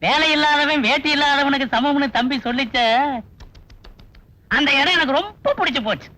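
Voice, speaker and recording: A man's voice: extremely high pitch, normal speed, pushed and bright. A joking film father. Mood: wry. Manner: teasing, wry, fatherly. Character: joking older father, witty and easygoing. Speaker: father of the heroine. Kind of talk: 1980s film dialogue. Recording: film soundtrack with music underneath.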